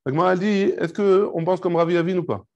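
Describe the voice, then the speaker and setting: Guy teaching talmud, highish voice, mixes in hebrew terms, keeps asking students if they got it. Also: fast, gravelly, darkish tone, muffled recording. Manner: explains and checks with students often; mixes Hebrew and Aramaic terms into his speech. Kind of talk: live Talmud class with students.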